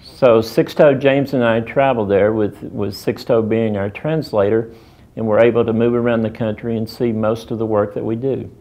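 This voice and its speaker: A man's voice: on the low side, steady tone, normal speed, dark tone. A man narrating a church mission documentary in a plain, informative way.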